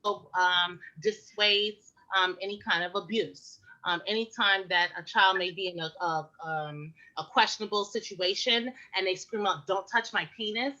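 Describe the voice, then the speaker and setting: A woman health educator talks frankly and animatedly, tossing in rhetorical questions and fillers. Her voice is bright and forward. The recording is muffled and lo-fi. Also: lowish voice, measured pace, hardly any pauses. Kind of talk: casual conversational advice.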